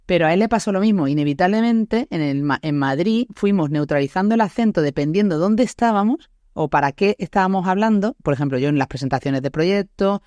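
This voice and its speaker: A woman's voice: fairly low pitch, animated, a little fast, few pauses, dark tone, no room sound, highs cut off. Andalusian woman podcast host, reflective, thinks aloud, dry room. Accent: Andalusian Spanish. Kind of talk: casual interview chat.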